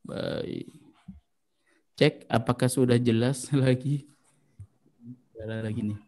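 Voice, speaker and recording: A man's voice: medium pitch, steady tone, slow pace, dark tone. Man's voice breaking up on a bad internet call. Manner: apologetic, checking whether he can be heard. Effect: choppy breaking-up internet call audio. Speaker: Islamic teacher giving an online talk. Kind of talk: religious lecture. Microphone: video call.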